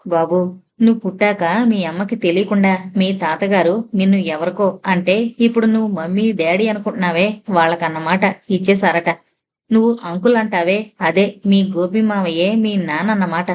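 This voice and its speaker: A woman's voice: mid-range voice, normal speed, darkish tone, natural voice. A woman reading as a patient, soothing man. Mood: consoling. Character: kind patient husband, adult man.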